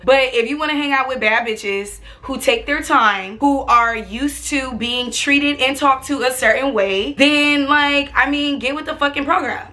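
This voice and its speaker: A young American woman telling a casual storytime in a sassy, expressive, slangy way with plenty of swearing. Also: high voice. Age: young adult. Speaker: storytime vlogger.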